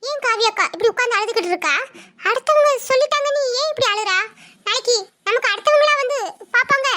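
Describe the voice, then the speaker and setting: A woman's voice: very high voice, animated, fast, bright, forceful tone, full character voice. A woman voicing a cheeky young woman in a cartoon family skit who teases her relatives and meddles in their talk. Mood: comforting. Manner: teasing, chatty.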